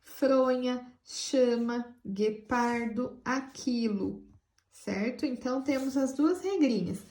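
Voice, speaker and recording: A Brazilian woman teaching a school lesson to children, explaining patiently, spelling words out slowly and calling her pupils affectionate names. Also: sits high, dark tone, echoey room. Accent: Brazilian Portuguese.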